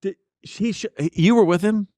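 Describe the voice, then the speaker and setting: A man's voice: high voice, moderate pace, darkish tone, no room sound, clean studio sound. A man hosting a podcast in casual chat, firing probing, teasing questions.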